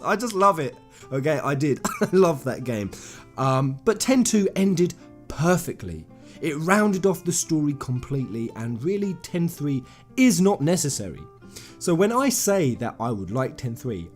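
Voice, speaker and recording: Hosting a video game channel, a man with a slightly high, darkish voice addresses viewers directly with informal opinions. His commentary is emphatic and slangy, bursting with effusive fan enthusiasm.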